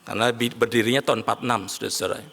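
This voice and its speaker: Brief: male pastor, sermon, gravelly bright voice, rises to shouts, long hall reverb. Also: mid-range voice, steady tone, racing. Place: large worship hall.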